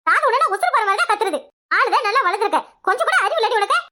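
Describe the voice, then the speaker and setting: A woman voicing a loud, quick-tempered village mother in a cartoon, with a southern Tamil village accent and shrill, fast exclamations. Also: lively intonation, exaggerated voice. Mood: scolding. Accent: southern Tamil Nadu village Tamil. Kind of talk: cartoon voice acting.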